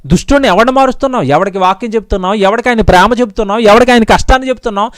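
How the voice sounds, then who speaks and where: A man's voice: sits high, rapid-fire, no room sound, studio quality. A male pastor preaching a sermon in an impassioned, pleading way, repeating his lines over and over.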